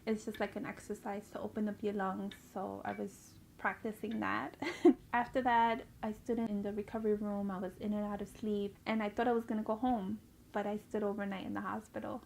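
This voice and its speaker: A woman's voice: mid-range voice, little pitch movement, fairly quick, gravelly, a little mellow. Woman vlogger, mid-range voice, chatty storyteller who acts out the dialogue, faint hiss behind her. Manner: chatty, filler-heavy, acts out quoted dialogue. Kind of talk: casual personal storytelling.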